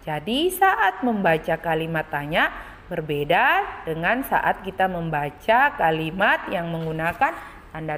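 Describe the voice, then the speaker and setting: A woman primary school teacher giving a recorded lesson to young children, speaking slowly and clearly with much repetition. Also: on the low side, a bit bright, long reverb tail, slight background noise. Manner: slow, clear, repetitive teaching voice with rising sing-song questions.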